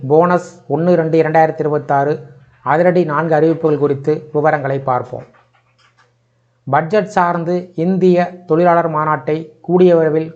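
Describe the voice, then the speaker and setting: A man reading a news narration in an even, steady manner as the channel's host. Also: fairly high pitch, highs cut off.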